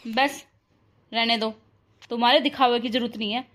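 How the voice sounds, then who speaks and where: A woman voicing an angry grieving daughter who loudly accuses her relatives in a cartoon story. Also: a little high, fairly even intonation, lightly acted. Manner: loud, accusing, fast.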